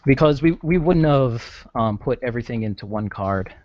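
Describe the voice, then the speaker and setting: A man's voice: medium pitch, expressive, normal speed, no echo, muffled recording. A man chatting casually as a player in a tabletop role-playing game.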